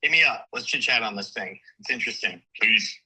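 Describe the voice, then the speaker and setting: A man's voice: on the low side, brisk, bright, forceful tone. A man leaving a laid-back, slangy voicemail, played back over a phone speaker. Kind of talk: casual voicemail. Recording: distant phone speaker playback.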